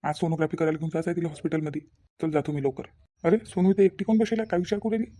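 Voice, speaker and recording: Give me an actor voicing a reassuring cartoon father with a Vidarbha accent, warm and very fast. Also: medium pitch, fairly even intonation, natural voice. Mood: hurried. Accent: Vidarbha Marathi. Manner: reassuring, repetitive. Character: kindly father figure, soothing and protective. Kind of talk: cartoon voice acting.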